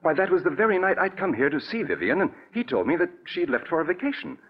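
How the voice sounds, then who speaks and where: Nervous scheming american killer, old radio play, husky and stammery, dull vintage sound. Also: male voice, sits high, big pitch swings, quick pace, full character voice. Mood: grave, shaken. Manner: hesitant, stammering, melodramatic. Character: anxious, scheming male murderer posing as grieving brother. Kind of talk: 1940s radio drama acting. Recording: muffled old radio recording.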